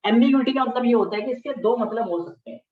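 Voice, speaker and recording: A man's voice: very high-pitched, quick pace, slight background noise. A man teaching a class, repeating key terms and often checking that students follow. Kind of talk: classroom lecture. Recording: distant, echoey, dull-sounding classroom recording.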